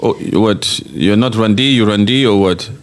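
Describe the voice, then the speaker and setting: A man's voice: fairly low pitch, normal speed, clear, resonant tone. A man hosting a podcast, chatting casually and reading viewer comments aloud, emphatic and laughing often. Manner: animated and emphatic, laughs often, repeats phrases for effect. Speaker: podcast host.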